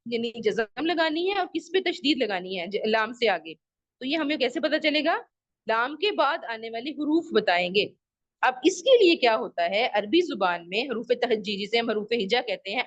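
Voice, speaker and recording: A woman's voice: a little high, no room sound, muffled recording. A woman teacher giving an online lesson to children, patiently repeating rules and examples and asking the class questions. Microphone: video call microphone.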